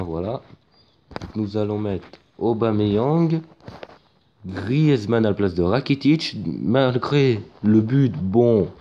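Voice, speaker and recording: A man commentating his own football video game match in a casual, excitable way, rising to shouts at big moments, with lots of fillers. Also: mid-range voice. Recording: dull lo-fi home mic with faint noise.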